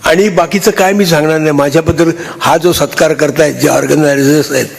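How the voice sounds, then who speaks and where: An older man gives a halting, chatty speech on stage, thanking people and joking with the audience. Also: fairly high pitch, steady tone, creaky. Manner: halting, restarts, warm and chatty with the crowd. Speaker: honoree giving a speech.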